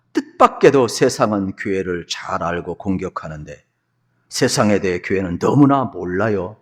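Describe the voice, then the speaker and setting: A male pastor delivering a televised sermon in a church, telling the story vividly and acting out its scenes. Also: lowish voice. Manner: animated storytelling, acts out scenes. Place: church sanctuary.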